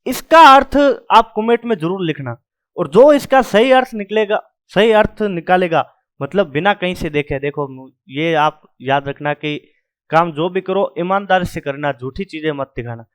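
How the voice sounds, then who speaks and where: A man's voice: high voice, animated, normal speed, fairly bright tone, clear, resonant tone. A male grammar teacher lecturing a class at a whiteboard, who sounds out the letters aloud and keeps checking in his students. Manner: drills sounds aloud, repeats "ठीक है" often.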